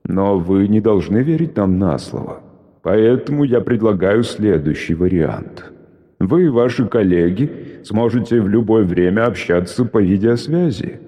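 A man's voice: on the low side, animated, warm tone, pitched below the performer's own voice. A man doing a solemn giant ruler. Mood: reassuring. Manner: slow, solemn, formal. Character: towering stately giant ruler, calm and gracious. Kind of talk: audiobook character voice. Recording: voice with long echoing reverb.

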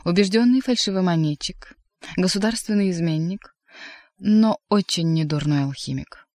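A reader voicing a sly, fawning male demon courtier in an audiobook, low and confiding. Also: normal speed, a little mellow, no echo, clean studio sound, lightly acted. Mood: ingratiating. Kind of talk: audiobook reading.

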